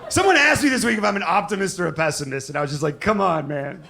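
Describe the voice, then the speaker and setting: Higher-voiced male stand-up comic, crowd laughter. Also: very animated, very fast, gravelly. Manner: self-deprecating, hesitant, conversational joke delivery. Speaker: stand-up comedian. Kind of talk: stand-up comedy set before a live audience. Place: live comedy venue on stage. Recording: live show with audience laughter and noise.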